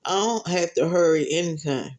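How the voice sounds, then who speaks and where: A man chatting casually to viewers while he eats, giving earnest advice with pauses between phrases. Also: a little high, expressive, darkish tone. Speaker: mukbang vlogger.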